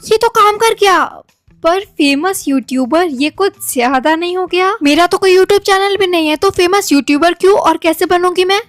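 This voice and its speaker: A young woman voicing an excitable, scheming college girl who talks dramatically to herself in a comedy skit. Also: very high voice, normal speed, no echo, faint music behind. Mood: lively. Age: young adult. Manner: chatty, dramatic self-talk.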